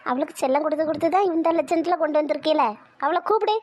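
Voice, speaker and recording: A bossy old grandmother, played by a woman, always finding fault and nagging her family. Her voice sits high and the words tumble out fast as she scolds everyone. It plays like a homemade family skit. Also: darkish tone, natural voice. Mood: scolding. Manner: scolding, rapid-fire complaining. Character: sharp-tongued domineering old grandmother. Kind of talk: family comedy skit acting.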